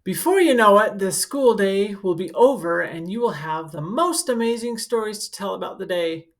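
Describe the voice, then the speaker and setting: A woman school counselor with a mid-range, expressive voice reads a picture book aloud to children at normal speed. As she goes, she adds informal, instructive asides, speaking directly to the kids.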